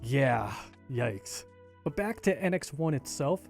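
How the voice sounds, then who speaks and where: A man with a hoarse, raspy voice from a recent illness, narrating a gaming video essay in a casual, chatty way. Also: medium pitch, big pitch swings, takes it slowly, faint music behind. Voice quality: rough, raspy voice.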